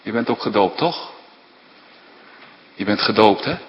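A man preaching a sermon in a church, emphatic and slow, rising to soaring exclamations and dropping to hushed asides, often tagging his sentences with a questioning "hè?". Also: on the low side, animated, highs cut off, slight background noise. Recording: long church reverb.

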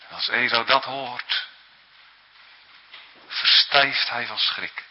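Speaking slowly at a medium pitch, this man delivers an earnest, emphatic sermon and frequently tags his points with questions. A long hall echo hangs over the dull, lo-fi recording.

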